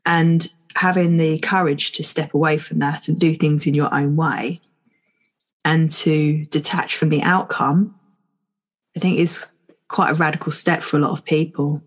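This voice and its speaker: Low-voiced woman thinking aloud on a podcast. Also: fairly even intonation, measured pace, slightly rough. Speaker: podcast co-host. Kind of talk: reflective casual chat.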